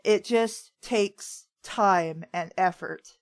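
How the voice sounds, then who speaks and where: A woman with a mid-range voice talks very slowly as host of a writing advice session. Her style is casual and wandering, and she regularly performs the lines other people said.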